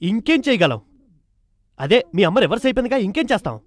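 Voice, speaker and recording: An actor playing a cheeky, meddling comic uncle in a film comedy scene, teasing and wisecracking. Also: male voice, high voice, very animated, fast. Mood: mocking. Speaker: comic relief.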